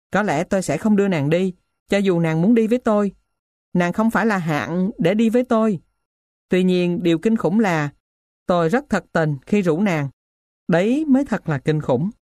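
A woman's voice: mid-range voice, a little mellow, dry recording, studio quality. A woman narrating a first-person novel as an audiobook, in a conversational, wry reading style.

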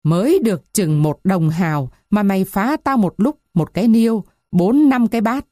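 Woman reading as a hot-tempered village wife, sharp-tongued and loud, in a dry, warm-toned storybook reading. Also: lowish voice, lively intonation, measured pace, dry recording. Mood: wailing. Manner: scolding, wailing at full voice. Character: fiery peasant wife, shrill when angry.

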